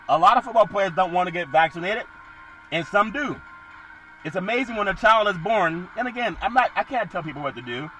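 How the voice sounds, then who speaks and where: A middle-aged man hosting a sports podcast, animated, repeating catchphrases and swinging between loud and quiet. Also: high-pitched, low-quality recording. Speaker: podcast host. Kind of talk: sports talk monologue.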